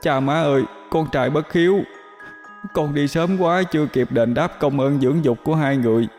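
The ghost of a young man, played by a male narrator, sobs his farewells in a choked, high, pleading voice. It is a dramatic storybook lament. Long reverb hangs behind him, with faint music. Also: moderate pace, darkish tone, close to an everyday voice. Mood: tearful lament. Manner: sobbing, pleading.

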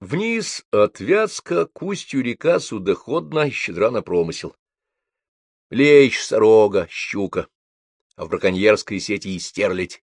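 A man narrating a novel aloud in a measured, even storytelling manner. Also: lowish voice, gravelly, dry recording, clean studio sound. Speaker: audiobook reader.

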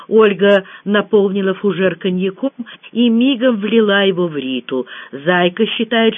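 Expressive audiobook reader, tinny sound. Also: mid-range voice. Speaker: audiobook narrator. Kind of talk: reading a novel aloud.

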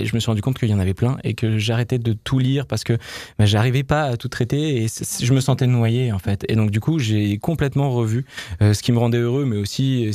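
Mellow-voiced male show host. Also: medium pitch, no room sound. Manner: relaxed, conversational, slight hesitations. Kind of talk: hosting an interview show.

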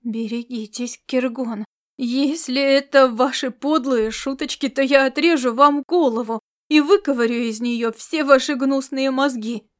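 A woman reads a stubborn Earthman hero in a storybook. His lines come slower and a bit lower than her narration, gruff and weighty. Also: natural voice. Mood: threatening.

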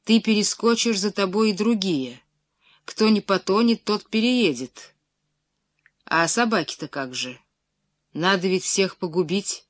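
A woman's voice: mid-range voice, measured pace, no echo, clean studio sound, lightly acted. A woman reading the part of a man earnestly persuading his master to spare the hounds. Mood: pleading. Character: cautious male retainer pleading with his master.

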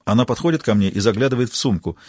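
Husky-voiced man narrating a novel. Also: on the low side, very fast, darkish tone, no room sound, clean studio sound. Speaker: audiobook narrator. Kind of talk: scripted narration.

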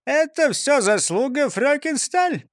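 A man voicing a cheerful, excitable small-town mayor in a children's story. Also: extremely high pitch, takes it slowly, no room sound, clean studio sound, pitched above the performer's own voice, heavily acted. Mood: proclaiming. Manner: cheerful, exclaiming. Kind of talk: audiobook character voice.

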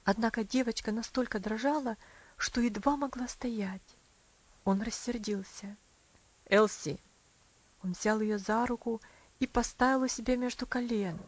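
A woman's voice: fairly high pitch, normal speed, a little mellow, no room sound. Woman reading an audiobook, dry sound. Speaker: audiobook narrator. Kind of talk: audiobook narration. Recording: dry, slightly dull recording.

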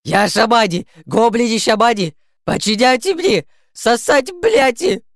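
A man voicing a panicked male goblin who squeals desperate orders in a gravelly voice, in an audiobook. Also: very high voice, animated, measured pace, a bit bright, no echo, studio quality, voice pushed up, heavily acted. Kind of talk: audiobook character voice.

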